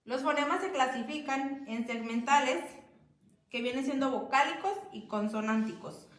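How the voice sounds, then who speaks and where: A woman explaining a lesson slowly and carefully, stressing the example sounds. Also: high voice, roomy sound. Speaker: student presenter. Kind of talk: educational explanation.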